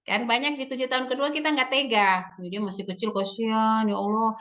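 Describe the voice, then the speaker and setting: Woman, religious teacher, parents' seminar talk, lively storytelling, quotes her kids, laughs often, slightly high voice. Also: brisk. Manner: often laughs while talking.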